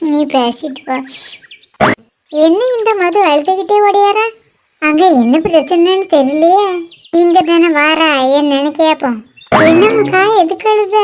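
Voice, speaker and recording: A woman doing sharp-tongued cartoon girls. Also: very high voice, a little hiss or hum. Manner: sharp-tongued, teasing, scolding. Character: bickering young women in a clothing shop. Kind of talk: cartoon voice acting, one voice for several girls.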